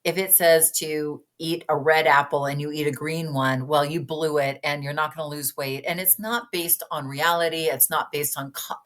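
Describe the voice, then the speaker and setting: A woman's voice: low-pitched, a bit bright. A woman in her fifties, a weight-loss coach speaking as a guest in a casual podcast conversation, chatty and earnest. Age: 50s.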